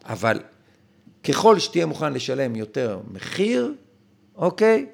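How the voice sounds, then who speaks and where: A man's voice: on the high side, sing-song, creaky. A male podcast guest explaining his ideas in an emphatic, lecturing way. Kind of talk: conversational explanation.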